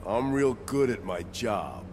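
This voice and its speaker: An actor playing a smug, threatening hired thug in a video game. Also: male voice, fairly low pitch, very animated, unhurried. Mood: menacing. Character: menacing male goon, smug hired killer. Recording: reverberant, faint background noise.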